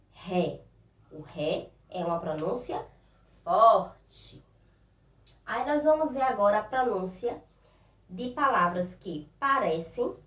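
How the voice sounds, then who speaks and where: Brazilian woman, primary teacher, Northeastern accent, slightly high voice, roomy distant lo-fi recording. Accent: Northeastern Brazilian Portuguese. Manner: slow, patient, stretches out words and sounds for children. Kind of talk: recorded remote lesson for young children. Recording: roomy, distant, dull lo-fi sound.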